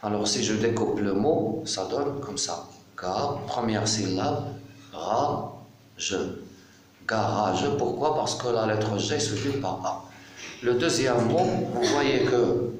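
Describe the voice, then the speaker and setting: A male teacher works through a pronunciation lesson at an unhurried pace, carefully breaking words into syllables and repeating them. The room around him rings with strong echo, and a faint hiss of noise sits underneath. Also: mid-range voice.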